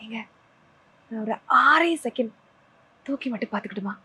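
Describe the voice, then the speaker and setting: A woman's voice: on the high side, expressive, normal speed, bright, forceful tone, breathy edge, exaggerated voice. An actress playing a playful young woman who coaxes and teases a stranger in film dialogue. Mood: pleading. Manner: coaxing, pleading, then teasing. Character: playful young woman, cheeky mock robber.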